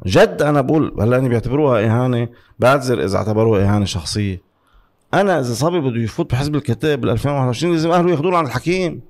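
Male, Lebanese Levantine accent, quick pace, medium pitch, heated political debate, argumentative, interrupting, emphatic repetition, rhetorical questions. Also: animated, darkish tone. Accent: Lebanese Arabic. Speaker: interview guest giving political commentary.

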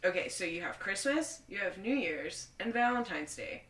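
A woman's voice: mid-range voice, expressive, normal speed, fairly bright tone. Blunt, sweary woman in a roomy recording. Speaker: podcast co-host. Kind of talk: casual chat. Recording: roomy echo, slightly distant mic.

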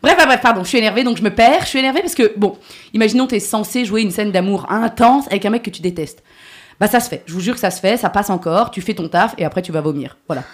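A woman delivering a comic rant column on a talk show, exasperated and swearing as she vents. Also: mid-range voice. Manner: fast, exasperated, swearing, animated. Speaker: comedy columnist. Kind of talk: ranting comic chronicle.

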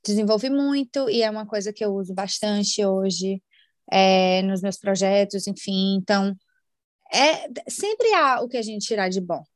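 A talkative woman talks as a podcast guest. Her voice sits at a middle pitch, and the sound is dry and close. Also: unhurried, no echo. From Brazil. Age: 20s. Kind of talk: casual interview chat.

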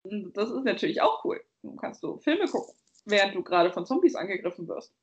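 In a casual podcast chat, this Bavarian co-host rambles and laughs a lot. She talks briskly at a medium pitch with big pitch swings, and the upper frequencies are cut off.

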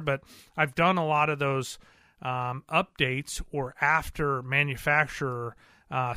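A man's voice: mid-range voice, sharp tone, no room sound, clean studio sound. A man who owns an auto repair shop, talking in an earnest, plain-spoken and rambling way, with many fillers. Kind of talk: casual interview talk.

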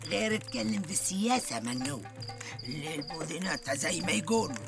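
An actress with a southern Tunisian accent playing a stubborn mother who argues insistently with her husband and breaks into shrill outbursts. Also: lively intonation, fast talker, over music. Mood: quarrelsome. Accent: southern Tunisian Arabic. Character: meddling middle-aged mother, stubborn and sharp-tongued. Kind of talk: radio drama acting.

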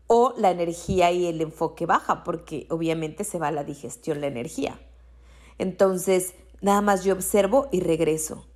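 A woman's voice: on the low side, moderate pace, darkish tone. A woman with a Mexican accent, a coach for women entrepreneurs, giving motivational podcast talk in an encouraging way and repeating her key phrases.

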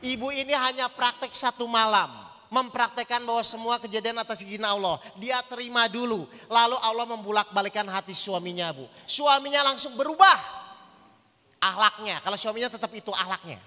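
Male preacher with a very high, piercing voice, animated sermon, long hall reverb. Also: brisk. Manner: animated, questions the audience often. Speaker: Islamic preacher (ustadz). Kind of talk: sermon with storytelling. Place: hall with an audience.

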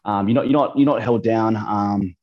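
A man's voice: lowish voice, moderate pace, dull audio. Hesitant Australian man in his thirties. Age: 30s. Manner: hesitant, many fillers and restarts. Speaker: podcast guest. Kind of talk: casual chat.

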